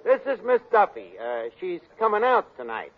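Brash scheming bar manager, lively, lo-fi broadcast with audience. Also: male voice, high-pitched, moderate pace, a loud crowd, very noisy. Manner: brash, wisecracking. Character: fast-talking scheming male tavern manager. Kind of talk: 1940s radio comedy acting. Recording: old radio broadcast with audience.

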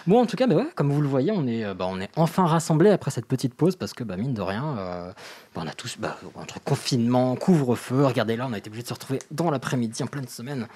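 A man with a mid-range voice hosts a podcast at a quick clip. He chats casually and playfully, joking and teasing as he goes. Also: medium pitch, expressive, warm tone, husky. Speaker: podcast host. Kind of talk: casual, playful hosting chat.

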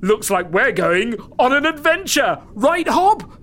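A woman voices a cheerful, dreamy crewmate with a playful sing-song delivery. The pitch swings widely, and she takes her time. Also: big pitch swings, a little slow, a bit bright, exaggerated voice. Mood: whimsical. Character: cheerful whimsical crew member Jim.

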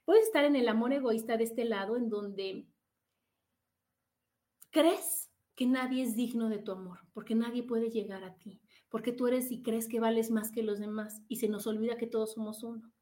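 A woman's voice: a little high, normal speed. A woman hosting a reflective talk, asking her listeners questions and acting out quoted people. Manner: speaks to listeners with rhetorical questions and "¿no?"; acts out quoted people in brighter, louder bursts. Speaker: podcast host. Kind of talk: reflective monologue.

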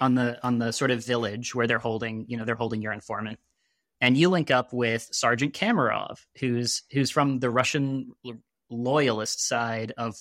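A man's voice: medium pitch, bright, forceful tone, no room sound, studio quality. A man chatting casually on a podcast about a video game, rambling with lots of "you know" and "like" and throwing in sarcastic asides.

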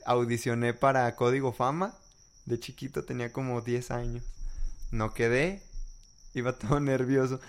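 A man's voice: mid-range voice, steady tone, normal speed. A young man with a Mexican accent in casual conversation, telling personal anecdotes in a candid way.

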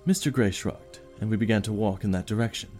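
A man playing a grave adventurer, narrating an audio drama in a measured, suspenseful way. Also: fairly low pitch, a little mellow, soft background music, natural voice. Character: grave male adventurer recounting a tense tale. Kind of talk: first-person scripted narration, audio drama.

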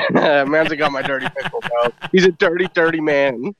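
A man's voice: fairly high pitch, normal speed, a bit bright, no room sound. A man co-hosting a podcast in casual banter, blunt and scornful, swearing heavily. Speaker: podcast co-host. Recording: dull lo-fi mic.

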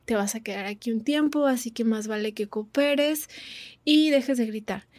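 A woman's voice: fairly high pitch, moderate pace, a little mellow, dry recording, close to an everyday voice. A woman voicing a stern male rehab clinic staffer, blunt and matter-of-fact.

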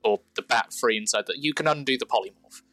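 A man's voice: medium pitch, quick pace, sharp tone, no room sound, faint music behind. A man narrating a tabletop role-playing game as game master.

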